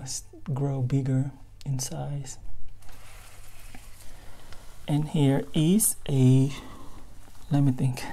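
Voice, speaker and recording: Gravelly low-voiced woman showing off her houseplants, lots of ums, kinda unsure of herself. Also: dark tone. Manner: hesitant, many fillers, self-deprecating. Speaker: plant vlogger. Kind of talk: casual home plant tour. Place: spare room at home.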